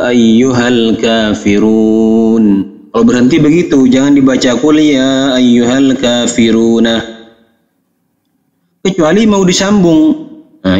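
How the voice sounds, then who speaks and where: Slow-talking male Quran teacher, lo-fi. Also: mid-range voice, darkish tone. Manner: explains patiently, repeats examples, checks understanding. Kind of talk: casual spoken lesson with recited examples. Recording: dull lo-fi sound.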